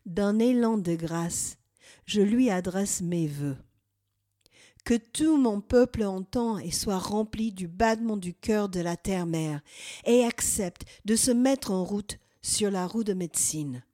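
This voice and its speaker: Slow, hushed woman narrating a meditative journey. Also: medium pitch. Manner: slow, hushed, dropping at times into a whisper. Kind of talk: first-person guided meditative journey. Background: faint music.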